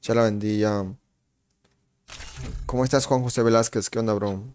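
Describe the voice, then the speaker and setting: A man with a lowish voice live-streams a shooter game at a moderate pace. He chats easily with viewers, greeting them by name and reacting to the match with slangy exclamations.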